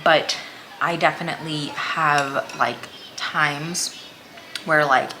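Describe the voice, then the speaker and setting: A woman's voice: low-pitched, steady tone, slow pace, over music. A woman chats casually over a meal, rambling hesitantly and leaning on "like" as a filler. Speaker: vlogger. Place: small room at home, indoors.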